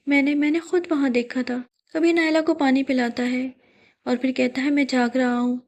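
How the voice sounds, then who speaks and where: A woman storyteller narrating a scripted horror story in a steady storytelling manner. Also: sits high.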